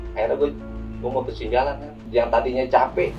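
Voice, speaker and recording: A man's voice: mid-range voice, fairly even intonation, a little fast, muffled recording. A young man casually telling a hiking story as a guest, rambling and repeating words, often calling the listener "Bang". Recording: distant mic with music behind.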